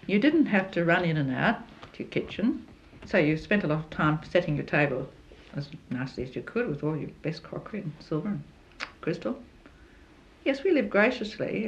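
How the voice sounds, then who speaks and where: An older woman speaks in a lowish voice, recalling the past in a fond, unhurried way. The sound is muffled, like an old archival tape. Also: slight background noise. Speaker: interviewee. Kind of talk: reminiscing interview.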